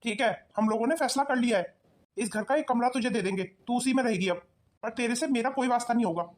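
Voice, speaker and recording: A woman's voice: on the high side, fast, close to an everyday voice. A woman voicing a stern young husband who sides with his mother in a cartoon. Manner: harsh, commanding. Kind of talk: cartoon voice acting.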